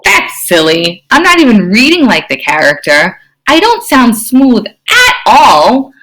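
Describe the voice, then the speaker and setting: A woman teacher giving an expressive online reading lesson to young children, often asking them questions. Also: a little high, measured pace, background noise. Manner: expressive, explains with gasps and questions to kids.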